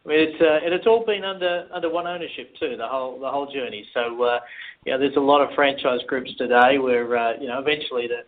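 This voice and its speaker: A man speaks over a tinny phone line as a company founder being interviewed. His voice sits at a middle pitch. He talks at an easy pace, pausing often with "uh" while he gathers his words. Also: a little hiss or hum. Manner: relaxed, hesitant with many "uh"s.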